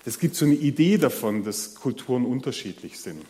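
A man giving a sermon in a conversational way, speaking straight to the congregation and pausing often on fillers. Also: medium pitch, expressive, warm tone, in a large hall. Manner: conversational, addresses the audience directly with many fillers. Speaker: preacher.

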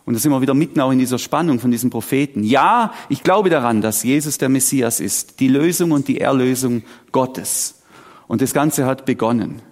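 A man, preaching a sermon with animated, dramatic storytelling and sudden drops to a quiet voice. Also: mid-range voice, a little fast. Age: 40s. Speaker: pastor.

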